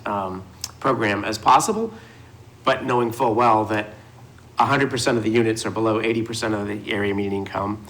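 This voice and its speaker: On a poor-quality recording, a man with a slightly bright, lowish voice testifies before a city committee. He's a housing developer walking through project details patiently, with many restarts and fillers.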